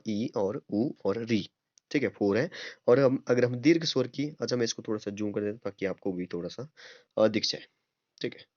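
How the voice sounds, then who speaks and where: A man's voice: medium pitch, a little mellow, no room sound. A young man teaching a step-by-step online grammar lesson, often checking in with listeners and sounding out vowels to demonstrate them. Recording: dry, slightly dull home recording.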